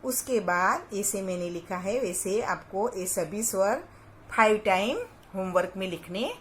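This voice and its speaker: A woman teaching young children to write Hindi vowels, speaking slowly and stretching each sound, then answering her own questions. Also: mid-range voice, fairly bright tone, slight background noise. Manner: asks questions and answers them herself. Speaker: primary school teacher. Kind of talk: online Hindi alphabet lesson for children.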